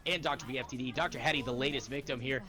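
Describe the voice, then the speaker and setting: A man doing energetic play-by-play commentary on an esports match, calling the action in quick bursts. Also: mid-range voice. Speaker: esports caster.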